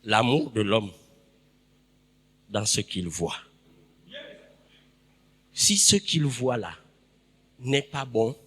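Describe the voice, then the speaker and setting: A man preaching a sermon in a church, emphatic, repeating his phrases and breaking into sudden loud bursts. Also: mid-range voice, in a large hall.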